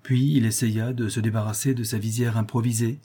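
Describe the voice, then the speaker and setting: Male audiobook reader, husky and mellow, measured storyteller for a classic novel. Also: mid-range voice, fairly even intonation. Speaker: audiobook narrator. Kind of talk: scripted narration of a classic novel.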